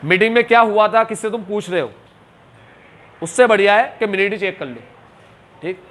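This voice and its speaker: A man's voice: high voice, moderate pace, a bit bright. A man teaching a class, chatty and joking, mixing Hindi and English terms. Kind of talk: classroom lecture.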